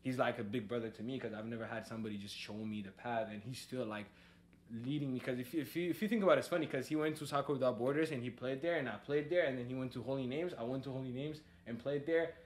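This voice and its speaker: Relaxed young man from Ethiopia. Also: medium pitch, fast. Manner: relaxed, many fillers and "like". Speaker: podcast guest, soccer coach. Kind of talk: casual conversation. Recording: faint background noise.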